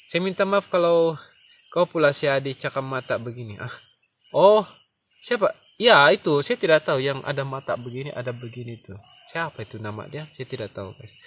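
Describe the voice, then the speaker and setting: A man with a Sabah Malay accent chatting casually to his livestream viewers, stammering and repeating himself in a self-mocking way. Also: medium pitch. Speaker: livestream host. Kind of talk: casual live-stream chat. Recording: noisy night recording with crickets. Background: crickets and insects chirping.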